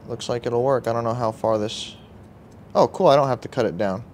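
A man's voice: mid-range voice, brisk, slight background noise. Man muttering through garage repairs. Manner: relaxed, muttering asides to himself. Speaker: vlogger working on a carburetor. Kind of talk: casual running commentary while working. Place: outdoor workshop table beside a truck.

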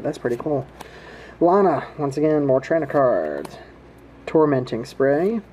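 Male hobby vlogger, mid-pitched and soft-edged, folksy and easygoing commentary, faint noise on a home camera recording. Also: poor audio. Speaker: host of a trading card pack-opening video. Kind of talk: casual running commentary while opening card packs. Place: indoors at home, hands at a table.

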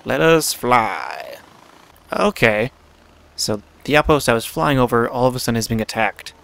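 A man giving casual, chatty commentary over his own video game play, talking to himself. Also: medium pitch. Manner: chatty, self-talking, quick bursts when excited. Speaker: gaming channel host.

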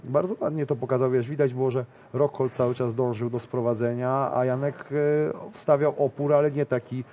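Here the grappler, a man in his thirties, has a medium-pitched voice with fairly even intonation at a moderate pace. The recording is muffled with a bit of hiss or hum. He's a casual, rambling interview guest in a small studio with a decorated wall, full of fillers and restarts.

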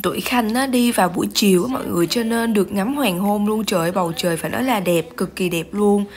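A woman's voice: medium pitch, fast. A young woman with a Southern Vietnamese accent, chatting enthusiastically to viewers in a casual travel vlog while filming herself at arm's length. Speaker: vlogger. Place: outdoor shopping mall and shops. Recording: music playing under the voice. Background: background music.

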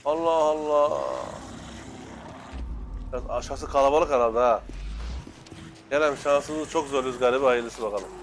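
A young man casually commenting while playing, excitable and cursing at the game, shouting now and then. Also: mid-range voice, a little slow, pauses often, slight background noise. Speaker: gaming YouTuber. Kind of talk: Let's Play commentary.

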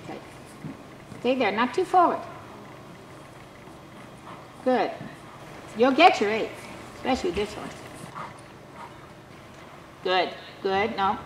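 A woman's voice: medium pitch, sing-song. Encouraging woman coaching from far off. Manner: brisk, encouraging, repeats short praise. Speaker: dressage clinic instructor. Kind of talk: coaching a rider from the arena side. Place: large indoor riding arena. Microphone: camera far across the arena. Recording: distant echoey arena with background noise.

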